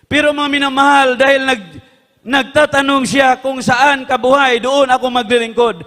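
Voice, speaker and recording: A man preaching a sermon, impassioned, swinging from hushed tones to shouts. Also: extremely high pitch, steady tone, moderate pace, long reverb tail.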